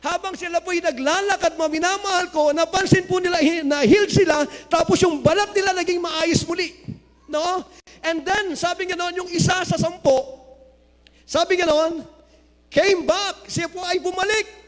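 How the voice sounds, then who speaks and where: A male pastor preaching a sermon, mixing Tagalog and English and rising to loud exclamations of praise. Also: extremely high pitch, steady tone, normal speed. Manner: mixes Tagalog and English, reads scripture aloud. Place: church hall. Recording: hall reverb.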